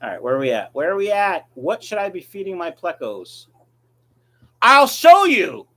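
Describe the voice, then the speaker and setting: A man's voice: fairly high pitch, big pitch swings, fairly quick. A man hosting a casual livestream, reading viewer questions and answering them in a blunt, offhand way. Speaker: livestream host, aquarium fish breeder.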